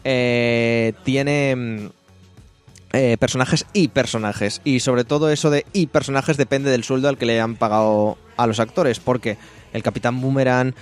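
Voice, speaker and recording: A man with a Spain Spanish accent, hosting a casual film review chat, blunt and quick to swear. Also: medium pitch, fairly even intonation, soft background music. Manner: blunt, swears freely, rants.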